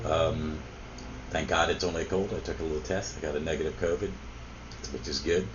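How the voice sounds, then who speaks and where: A podcast host reviews comics in a laid-back way, his rumbling low voice slightly hoarse from a cold and moving fairly quickly. He rambles, full of ums and restarts, over dull, lo-fi audio with a faint hiss.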